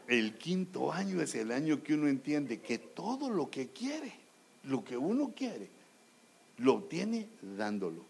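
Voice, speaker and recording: A man's voice: on the high side, sing-song, unhurried, gravelly, a little hiss or hum. A man preaching a humorous sermon, joking and acting out little scenes as he talks to the congregation. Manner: addresses the congregation as brothers.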